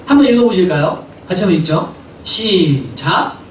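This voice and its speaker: A male pastor preaching a sermon in a church, animated and often asking the congregation questions. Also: sits high, brisk, noisy background. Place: church sanctuary. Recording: echoey hall from a distant mic.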